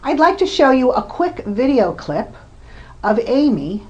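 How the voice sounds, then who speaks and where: A woman's voice: sits high, big pitch swings, unhurried, dull audio. A woman researcher giving a lecture, explaining points and giving examples, with occasional fillers. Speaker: researcher lecturing on communication disorders. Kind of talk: recorded lecture presentation.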